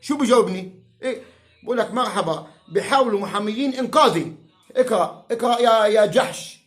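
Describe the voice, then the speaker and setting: A man with a Palestinian Arabic accent rants to camera in a fierce, insulting, mocking way. His voice sits high for a man. It rings around an echoey room. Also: animated, a little fast, soft background music. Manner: heated, insulting and profane, mocking. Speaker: self-styled political commentator. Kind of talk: angry rant to camera.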